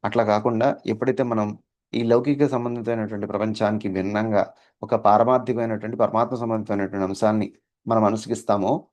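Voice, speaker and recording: A man giving a devotional discourse as a spiritual teacher. He explains step by step, fills pauses with drawn-out "aa" sounds, slips in English words and keeps asking his listeners whether they understood. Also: fairly low pitch, level tone, darkish tone. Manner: drawn-out "aa" fillers.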